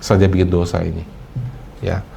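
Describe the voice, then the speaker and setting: A male pastor delivers a lively, conversational sermon at normal speed in a gravelly voice, with faint music behind him. He slips into English phrases and acts out people's excuses by raising his voice.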